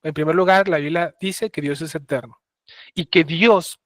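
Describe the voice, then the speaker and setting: A man teaches a Bible passage in a sermon style. His voice sits a little high and the sound is dry and close. He explains patiently, stumbling over restarts and fillers. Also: steady tone, normal speed, a bit bright, no room sound. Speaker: preacher.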